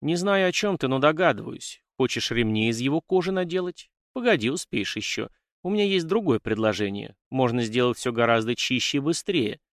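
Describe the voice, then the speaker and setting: A man voicing a bold, sharp-tongued young warrior woman in an audiobook, speaking in a teasing, confident way. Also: mid-range voice, lively intonation, a little fast, few pauses, dry recording, clean studio sound, close to an everyday voice.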